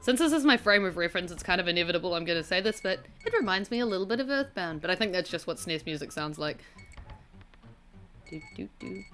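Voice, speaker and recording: A woman's voice: fairly low pitch, lively intonation, fast talker, hardly any pauses, fairly bright tone. A woman with a broad rural New Zealand accent giving casual gameplay commentary in a rambling, sweary, self-deprecating way. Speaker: gaming video host.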